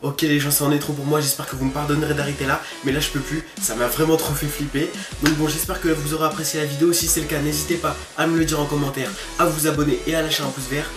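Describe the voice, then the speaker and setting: A man's voice: on the high side, level tone, fast talker, hardly any pauses, music in the background. A man giving casual let's-play commentary, thinking aloud and chatting informally to his viewers. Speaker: gamer hosting a horror game video. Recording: roomy echo, faint background noise.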